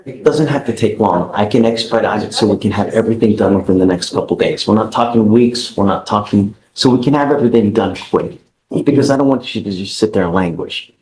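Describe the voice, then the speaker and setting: A man's voice: lowish voice, brisk, a little mellow, low-quality recording. Stern, exasperated man judge lecturing. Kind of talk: courtroom ruling. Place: courtroom.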